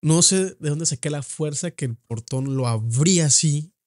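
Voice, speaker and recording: A young man with a Mexican accent, hosting a podcast and telling a personal story at home, halting and repeating himself as he relives it. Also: fairly high pitch, dry recording, clean studio sound. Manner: halting, repeats words, emotional retelling. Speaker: podcast host.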